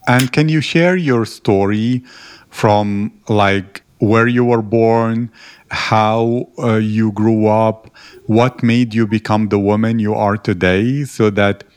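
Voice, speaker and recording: A male host poses long, rambling questions to his guest. His voice is fairly low and the recording is dry, with no room sound. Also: steady tone, slow pace, clear, resonant tone, dry recording. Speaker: podcast host. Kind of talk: interview questions.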